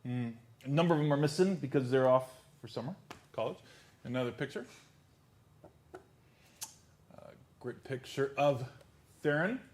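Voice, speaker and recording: A man preaching a sermon. He swings from loud outbursts to hushed near-whispers and repeats words as he builds a point. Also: medium pitch, expressive, moderate pace, long pauses. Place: church service.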